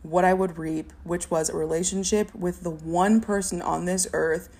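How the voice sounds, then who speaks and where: Young woman guest with a stutter, low gravelly voice, halting, reflective delivery. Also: fairly even intonation. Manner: halting, many "like" fillers, soft and reflective. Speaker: interview guest. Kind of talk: personal testimony in an interview.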